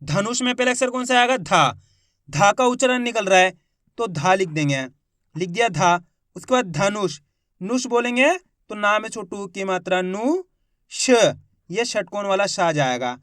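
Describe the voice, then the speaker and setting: A man with a high voice gives a reading lesson for beginners. He sounds out words syllable by syllable and repeats each one slowly. The recording is close and dry, with no room echo. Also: bright, forceful tone. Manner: encouraging, asks the learner questions. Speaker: Hindi reading teacher.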